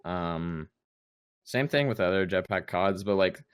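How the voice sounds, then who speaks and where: A man's voice: low-pitched, measured pace, clean tone, no room sound, clean studio sound. A young man in casual chat on a gaming podcast, rambling with lots of fillers and restarts. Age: young adult. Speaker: podcast co-host.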